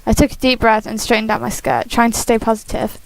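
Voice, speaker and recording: A woman hosting a game playthrough, reading a visual novel aloud expressively with casual asides, animated and giggly. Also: on the high side, fairly quick, vocal fry, no echo, low-quality recording. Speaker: host of a game playthrough series.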